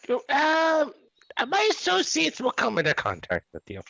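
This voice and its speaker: Shady dealer type put on by a player, high and cagey, gravelly edge, dry sound. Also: wildly swooping pitch, normal speed, sharp tone, no echo, full character voice.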